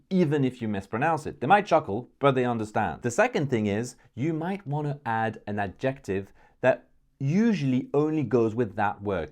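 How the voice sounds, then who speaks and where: A man's voice: medium pitch, a little mellow. A man speaking English as a second language, patiently explaining a point with examples like a public speaking coach. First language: not English. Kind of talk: explanatory talking-head lesson.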